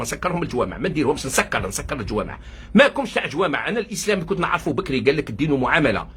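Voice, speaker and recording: A man's voice: high voice, fairly bright tone, husky. A grieving man from Algeria with an Algerian accent, a doctor working abroad, speaking in an agitated, emotional monologue from the hospital where he works and often switching between Arabic and French. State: grieving, near tears. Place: hospital workplace.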